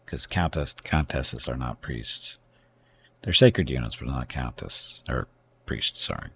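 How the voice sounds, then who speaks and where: A man with a very deep, gravelly voice thinks aloud while playing a strategy game on a live stream. He pauses, hesitates and corrects himself as he weighs his next moves. A faint hiss sits under the recording. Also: animated, fairly bright tone. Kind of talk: casual gameplay commentary.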